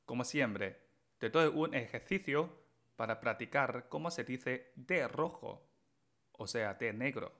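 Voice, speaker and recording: Guy teaching a language podcast, super slow and patient, spelling out tones bit by bit. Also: medium pitch, expressive, a bit bright. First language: Mandarin Chinese. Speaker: Chinese teacher.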